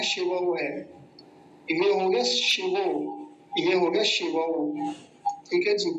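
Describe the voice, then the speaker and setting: High-voiced man slowly teaching Sanskrit recitation. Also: a bit bright, echoey room, rough recording. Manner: slow, syllable-by-syllable recitation with corrections. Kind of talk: online mantra pronunciation lesson. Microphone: computer mic on a live online class.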